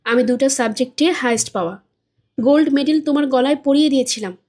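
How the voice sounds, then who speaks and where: A woman's voice: high voice, quick pace, a little mellow. A woman voicing a patient adult son reasoning with his mother in a storybook reading. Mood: coaxing. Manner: coaxing, reasoning.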